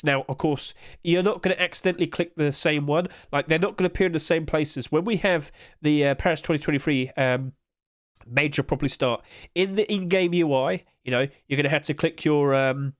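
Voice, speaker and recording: A gaming market commentator with a blocked nose speaks in a voice on the high side, recorded dry at studio quality. His casual screen-share commentary on in-game item prices is loose and littered with fillers.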